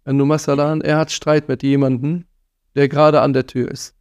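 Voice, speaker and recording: A man's voice: mid-range voice, flat delivery, moderate pace, darkish tone, no room sound, clean studio sound. A man giving an earnest religious talk on parenting, admonishing his listeners and sprinkling in Arabic phrases. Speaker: preacher.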